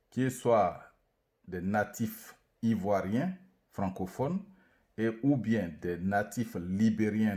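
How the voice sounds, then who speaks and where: A man with a lowish voice lectures in an unhurried, measured way. He presents a writing system, pausing between phrases and repeating sounds carefully so listeners can follow. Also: a little mellow. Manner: slow, deliberate, repeats syllables to demonstrate tones. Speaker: language teacher presenting an alphabet. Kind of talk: lecture with slow syllable-by-syllable reading drills.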